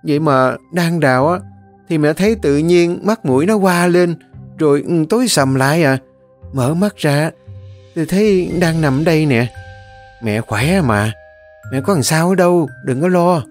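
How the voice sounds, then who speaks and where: A frail old mother, gentle and reassuring, as a male storyteller puts her on, her voice lifted higher than his own and softly comforting. Quiet music sits under the reading. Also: lightly acted. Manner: soothing, unhurried, motherly. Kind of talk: audiobook character reading.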